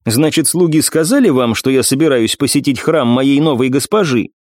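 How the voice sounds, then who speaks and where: A man's voice: medium pitch, normal speed, dry recording, clean studio sound, natural voice. Man voicing a cold, composed young woman warrior. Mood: cool. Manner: calm, curt, grimly ironic. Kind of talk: audiobook character voice.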